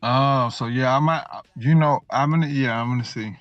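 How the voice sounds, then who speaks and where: A man's voice: mid-range voice, normal speed, fairly bright tone, dry recording. Swearing man hosting a stream. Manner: loose, swearing, laughs often. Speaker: stream host. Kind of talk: casual livestream banter. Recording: dull lo-fi mic, music behind.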